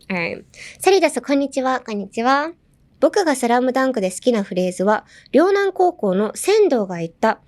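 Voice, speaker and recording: A young woman hosting a casual language-lesson podcast, explaining phrases in a chatty way and laughing lightly now and then. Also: on the high side. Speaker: podcast host.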